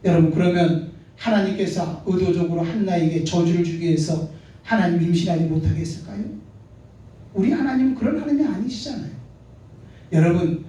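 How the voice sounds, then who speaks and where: A man's voice: sits high, warm tone. A male pastor preaching a sermon, asking the congregation rhetorical questions and pressing his points. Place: church sanctuary. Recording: echoey church hall from far off.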